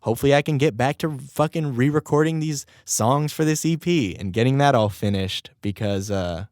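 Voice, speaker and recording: At a moderate pace, a young man with a medium-pitched, slightly mellow voice hosts his own podcast, chatting casually and rambling. The rapper swears and laughs at himself while his recovering voice stays slightly strained, recorded in a clean studio with no room sound.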